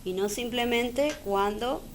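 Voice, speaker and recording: A woman's voice: fairly high pitch, takes it slowly. A woman with an Argentine Spanish accent, a guest on a political talk show, speaking firmly and earnestly. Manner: firm, earnest, uses fillers. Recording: faint background noise.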